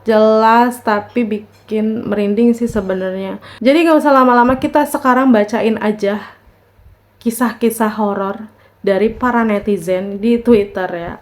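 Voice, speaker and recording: Seorang wanita muda membacakan kisah horor pendek dari internet dengan gaya santai dan mengobrol, sambil sesekali berseru kaget. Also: female voice, a little high. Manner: chatty, reacts with small shocked exclamations. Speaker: horror story reader. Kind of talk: casual reading of short horror posts.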